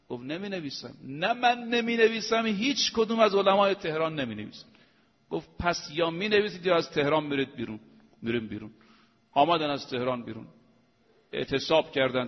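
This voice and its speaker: A man giving a religious lecture, listing points and retelling stories with emphatic, rising declamation. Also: high voice. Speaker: preacher. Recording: dull sound in a reverberant hall.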